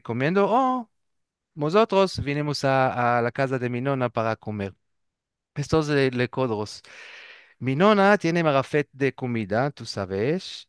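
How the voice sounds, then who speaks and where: Guy telling stories, keeps searching for words, smooth clear voice. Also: mid-range voice, no echo, studio quality. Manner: halting, searches for words, restarts often. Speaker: guest. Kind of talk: casual storytelling.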